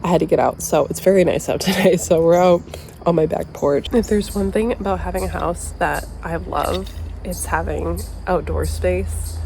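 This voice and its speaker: A woman's voice: lowish voice, vocal fry, mellow. Casual woman vlogger, under the weather, noisy background. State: sick with a cold. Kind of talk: casual chat to camera.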